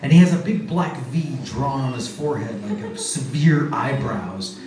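Man on stage telling a joke in a live bar, lively pitch, echoey room, mic at a distance. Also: normal speed, slight background noise. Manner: animated, conversational, acts out each voice. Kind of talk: live stand-up storytelling. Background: faint bar ambience.

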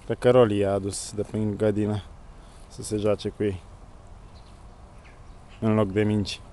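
A man filming a casual walk outdoors with his small child, softly coaxing and calling to a shy dog. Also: lowish voice, little pitch movement. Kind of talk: casual vlog talk.

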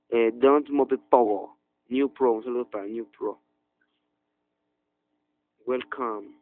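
Young man, gaming commentary, excitable outbursts, thin phone-like audio. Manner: excitable, jumps to loud high outbursts. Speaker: gaming youtuber. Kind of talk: let's play commentary.

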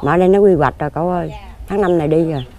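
Crowd noise surrounds a Southern Vietnamese woman in her fifties who sells lottery tickets, speaking very fast in a fairly low pitch. Being interviewed casually outdoors among graves, she rambles earnestly and plainly at length.

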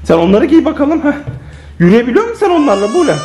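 Playful woman vlogging at home, lively high voice. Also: quick pace, crowd noise. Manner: playful, teasing, talks to viewers and kids. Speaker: family vlogger. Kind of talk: casual family vlog chat to viewers. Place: inside a family home.

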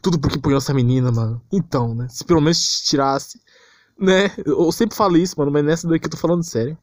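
On a dry recording, a man with a Brazilian Portuguese accent rants informally and with exasperation as an anime commentator. His voice is fairly high and darkish in tone, and he talks quickly, repeats himself and leans heavily on slang.

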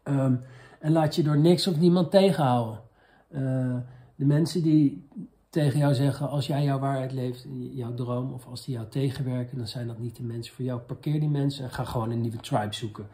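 A man's voice: medium pitch, steady tone, normal speed, warm tone. A man hosting a comedic question-and-answer talk, casual and rambling with many fillers, in a mock-spiritual tone. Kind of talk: casual deadpan parody monologue.

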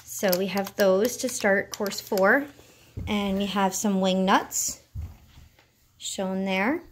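Casual mom voice, unhurried cheerful tour guide, mid pitch, home video feel. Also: female voice, a little hiss or hum. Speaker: parent filming a tour. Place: living room at home. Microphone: handheld camera.

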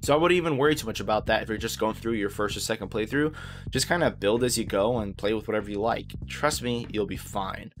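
Guy with lowish voice doing a chill reassuring gaming guide voiceover, guitar music behind him. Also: fast talker. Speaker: gaming video host. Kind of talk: casual scripted game guide voice-over.

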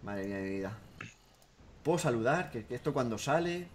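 A man's voice: medium pitch, lively intonation, brisk, slight background noise. A man from Spain hosting a casual comedic chat, rambling and joking with bursts of laughter. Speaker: podcast host.

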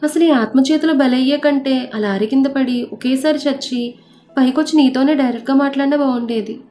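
A woman's voice: high-pitched, brisk, dark tone, close to an everyday voice. A woman storyteller voicing a frightened but defiant, devout young woman who pleads and prays aloud. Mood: tearful pleading.

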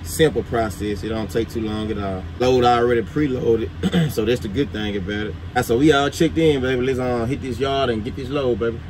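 A man, a truck driver vlogging in a relaxed, slangy way, repeating himself as he talks through his work. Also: mid-range voice, brisk. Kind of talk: casual vlog narration. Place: outdoors at a truck yard and inside a truck cab. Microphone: headset mic. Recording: outdoor vehicle noise.

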